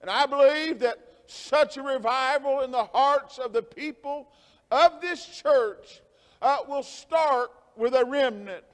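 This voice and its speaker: Man, pastor, sermon, very high voice, halting with fillers, church hall reverb. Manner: slow, halting delivery with many fillers and repetitions; builds to emphatic near-shouting. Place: church sanctuary.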